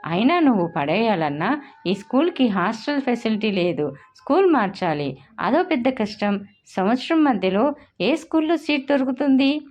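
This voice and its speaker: A woman voicing a hot-tempered mother in her thirties in a storybook reading, sharp and shouting. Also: a little high, sing-song, moderate pace, soft background music, voice pushed up. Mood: bitter. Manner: shouting in rage.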